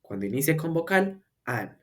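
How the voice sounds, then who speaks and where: A man teaching a beginner language lesson, patiently explaining step by step with repeated examples and slowing down to model words. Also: a little high, very animated. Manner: slows down to model English words for repetition. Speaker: English teacher.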